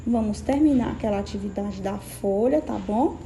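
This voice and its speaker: A young adult woman with a Brazilian accent, a primary school teacher dictating syllables slowly and patiently to small children, in a sing-song way that checks in often. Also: medium pitch, vocal fry, warm tone, a little hiss or hum. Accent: Brazilian Portuguese.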